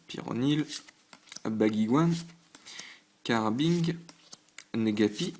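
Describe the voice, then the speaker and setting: Brief: man, mid-pitched, casual host at a home desk, hesitant and stumbling, lists things with quick verdicts. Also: animated, darkish tone, a little hiss or hum. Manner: stumbling, hesitant, full of fillers and restarts; chatty, listing items one by one with quick reactions. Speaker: channel host opening trading card packs. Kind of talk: casual on-camera commentary. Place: at home at a desk under a lamp.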